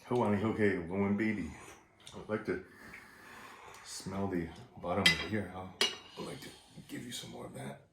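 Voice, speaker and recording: Man from Taiwan, low voice, unhurried halting host talk, far from the mic, faint hiss. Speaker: host of a tea session. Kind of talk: casual hosted chat. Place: room in Hong Kong. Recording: very echoey, distant mic, faint noise.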